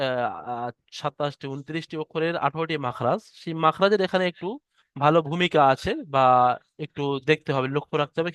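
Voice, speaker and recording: Guy teaching tajweed online, high smooth voice, slow chanting then explaining. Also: fairly bright tone, no echo. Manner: chants Arabic verses slowly, explains pronunciation patiently. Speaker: Quran recitation teacher.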